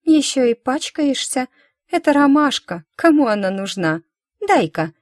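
A woman voicing a haughty, snobbish young girl who talks in a high, sharp, disdainful way. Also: sing-song, a little slow, no room sound, clean studio sound.

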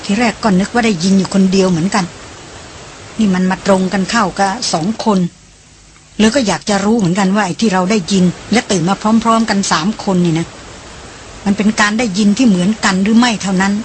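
Woman voicing a young man, eldest brother, calm, hushed, measured, audiobook. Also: mid-range voice, slight background noise, lightly acted.

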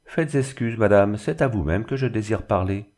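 A man voicing an obsequious, smooth-talking village bailiff with an unctuous, honeyed manner. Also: on the low side, normal speed, darkish tone, lightly acted. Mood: wheedling.

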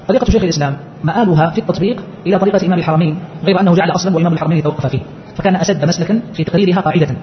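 A man explains a scholarly text at a very fast clip, raising questions and answering them himself. His voice sits a little high, and the recording is dull and lo-fi with a faint hiss behind it. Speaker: teacher. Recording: muffled lo-fi lecture recording.

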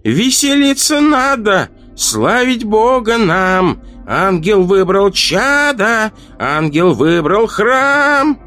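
An eerie female cult leader, voiced by a man, sings in a high, slow, drawn-out chant. The voice is thin and strange, pitched far above his own and unlike his usual tone. Even her orders come out in the same ritual singsong. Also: vocal fry, breathy edge, soft background music, full character voice.

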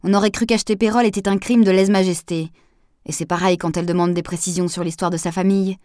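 A blunt, defensive man answers in short, guarded lines, read by a woman narrator. The voice is low and dry, with no room sound around it. It is a storybook reading of a man's part. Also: fairly even intonation, quick pace, dark tone, dry recording, close to an everyday voice. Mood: indignant.

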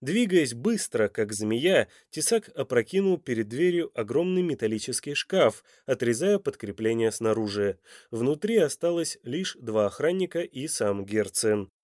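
Expressive male audiobook narrator, dry close sound. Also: medium pitch, unhurried, no echo. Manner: expressive, dramatic reading.

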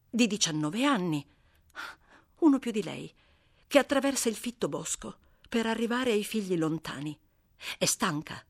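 Woman narrating a novel, steady n expressive, dry studio sound. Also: medium pitch, no echo. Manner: measured, expressive, dramatic slowing. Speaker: audiobook reader. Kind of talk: scripted literary narration.

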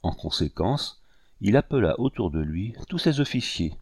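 Low-voiced man narrating an audiobook. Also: big pitch swings, moderate pace, darkish tone, husky, dry recording, studio quality. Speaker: audiobook reader. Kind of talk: scripted narration.

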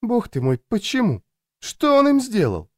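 A man voicing a frazzled, jumpy woman who feels hunted, speaking in a high, plaintive, complaining tone. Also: a little fast, no room sound, clean studio sound, lightly acted.

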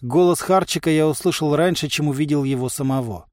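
A man narrating an audiobook in a steady, wry storytelling manner. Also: a little high, a little fast, dry recording, studio quality. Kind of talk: audiobook reading.

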